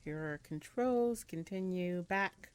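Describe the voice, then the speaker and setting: A video game streamer plays a casual let's-play, her fairly low voice slow and clean-toned. She reads the on-screen text aloud and adds chatty murmured asides while game music plays behind her.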